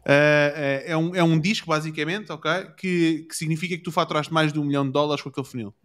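A man's voice: on the high side, fairly even intonation, fast talker, fairly bright tone. A man with a European Portuguese accent chatting casually, using plenty of slang and swearing freely. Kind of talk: casual chat.

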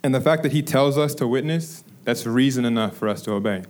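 A young man preaching a sermon to his congregation, telling a story and then slowing down to stress the key phrases. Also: mid-range voice, a little mellow. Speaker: preacher, ministry director.

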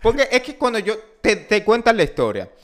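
A man's voice: sits high, wildly swooping pitch, fairly quick, fairly bright tone. A man with a Dominican accent telling anecdotes as a podcast co-host in casual, slangy talk, often repeating and interrupting himself. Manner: slangy, repetitive, self-interrupting.

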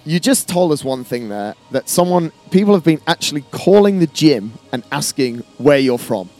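A man's voice: a little high, very animated, moderate pace, darkish tone, soft background music. A man hosting a casual podcast interview, upbeat and chummy, calling his guests "mate". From Yorkshire, England. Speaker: podcast host.

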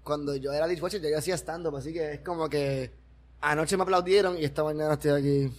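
Slangy Puerto Rican man, slightly high. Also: steady tone, fast talker. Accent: Puerto Rican Spanish. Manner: slangy, repeats words for emphasis. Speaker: comedian. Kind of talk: casual podcast chat.

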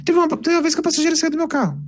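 A young man, casually telling lively stories on a podcast. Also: extremely high pitch, rapid-fire. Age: 20s. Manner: animated, chatty, peppers speech with "cara". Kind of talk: casual storytelling chat.

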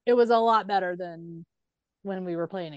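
A woman co-hosting a casual sports podcast, lively and excited, often laughing and talking over the others. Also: lowish voice, normal speed, smooth, dry recording, lo-fi sound.

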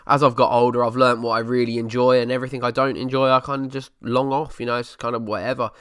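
A man from Essex speaks in a strong-edged, bright voice with an Essex accent. He chats casually as a podcast host answering questions. The sound is clean and dry, close with little room on it. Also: mid-range voice, little pitch movement, quick pace, clear, resonant tone, no room sound. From Essex, England. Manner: drops letters, over-pronounces some words.

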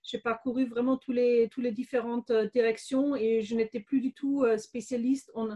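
A woman's voice: fairly high pitch, little pitch movement, moderate pace, warm tone. A woman in her forties with a German accent, a guest speaking hesitantly with many fillers in an interview. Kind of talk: interview testimony.

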